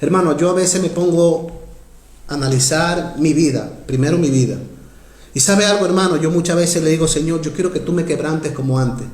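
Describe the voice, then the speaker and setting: A man preaching a sermon as pastor, urgent and heartfelt, surging loud then dropping to quiet asides as he keeps calling out to his brothers and sisters. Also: normal speed, echoey room. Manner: impassioned, swings from loud rises to low quiet asides, keeps addressing "hermanos".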